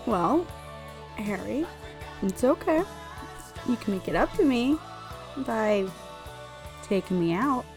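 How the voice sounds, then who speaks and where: A woman's voice: a little high, lively intonation, takes it slowly, long pauses, over music, rough recording. A woman voicing a confident, teasing store clerk who flirts openly. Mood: flirty. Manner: teasing, forward.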